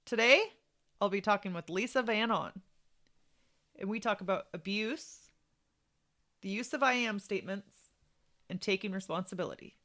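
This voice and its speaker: A woman's voice: medium pitch, normal speed, pauses often, bright, forceful tone, no echo, clean studio sound. A woman hosting a podcast in an informal, emphatic conversational way. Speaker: podcast host.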